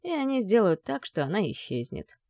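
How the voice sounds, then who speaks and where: A woman's voice: mid-range voice, big pitch swings, a little fast, warm tone, no room sound, voice pushed up. Lady doing a nasty rich dad, growly and mocking, audiobook voice, dry close sound. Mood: coldly businesslike. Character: menacing, scornful rich older father, a man.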